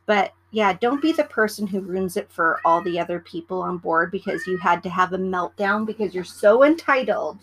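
A woman's voice: on the low side, expressive, moderate pace, few pauses, slight background noise, low-quality recording. A middle-aged woman, a former flight attendant, chatting casually at home on her podcast and acting out exchanges with passengers. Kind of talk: casual solo podcast chat. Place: at home in the evening.

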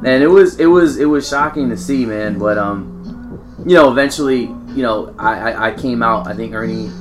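A man's voice: medium pitch, moderate pace, over music. An American man telling stories casually among friends, peppering his slangy talk with bro, dude and man. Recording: clear background noise.

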